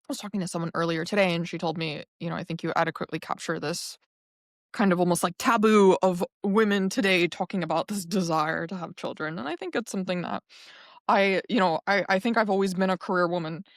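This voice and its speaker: A woman poet from New York talks through her ideas in an interview, pausing to find the right words as she goes. Her voice sits somewhat low for a woman. The sound is close and dry, with no room around it. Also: dry recording. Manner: thoughtful, searching for words. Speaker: poet and guest. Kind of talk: interview conversation.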